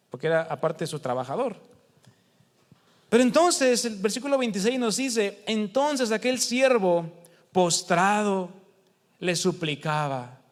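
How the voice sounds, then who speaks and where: Preaching in a house of prayer, a Mexican man speaks with a Mexican Spanish accent in a voice pitched high for a man. His sermon is conversational, with rhetorical questions for the congregation and dramatized readings of quotes. The hall's long reverb rings around him.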